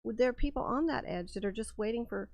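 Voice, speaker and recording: A woman's voice: on the high side, quick pace, vocal fry, darkish tone, no echo. A woman guest on a radio talk show, speaking earnestly and rambling, with many restarts. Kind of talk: casual interview chat.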